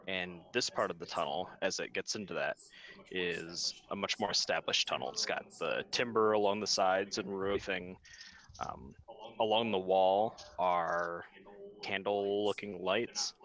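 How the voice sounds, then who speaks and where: A young man narrating a tabletop game as game master, relaxed and full of fillers and pauses. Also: low-pitched. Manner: relaxed, hesitant with many fillers.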